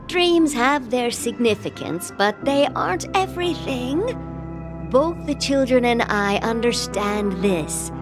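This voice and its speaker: An actress voicing a gentle, hopeful elderly woman who cannot walk, speaking slowly and reflectively in a video game. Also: fairly high pitch, lively intonation. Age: older. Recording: game audio with music behind.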